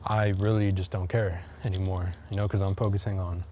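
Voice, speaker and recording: Guy vlogging on his walk, kinda low voice, rambly, lots of ums, wind blasting the phone mic. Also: little pitch movement, a little fast. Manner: rambling, hesitant, many fillers and restarts. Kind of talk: casual chat while walking. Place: outdoors on a windy walk. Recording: loud wind noise on the mic.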